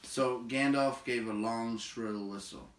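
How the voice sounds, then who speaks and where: A man reads a storybook aloud as an audiobook narrator, speaking slowly in a mid-range voice. Heavy background noise fills the echoey room, and he sits slightly far from the microphone.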